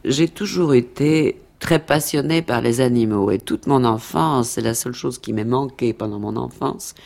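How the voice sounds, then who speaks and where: An actress casually recalling her childhood in a relaxed, slow way, with hesitant fillers. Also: extremely low pitch, creaky. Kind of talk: casual spoken childhood memories.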